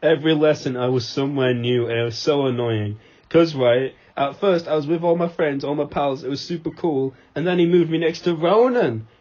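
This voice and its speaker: A man's voice: a little high, moderate pace, a little mellow. A young man co-hosting a podcast, chatting casually with a sarcastic, ribbing manner. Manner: sarcastic, ribbing, laughs often. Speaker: podcast co-host. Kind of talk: casual chat. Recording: dull lo-fi podcast recording.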